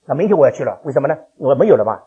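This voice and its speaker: An older man preaching a sermon to his congregation as their pastor, animated and chuckling as he fires questions at the listeners. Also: mid-range voice, very fast, slightly rough, phone-quality sound. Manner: animated, quizzes the congregation with questions, laughs often. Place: church.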